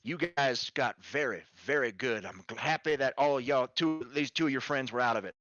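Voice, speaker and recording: A man's voice: mid-range voice, moderate pace, fairly bright tone, dry recording, highs cut off. A man improvising narration as a tabletop game master, telling the scene in a vivid, dramatic way.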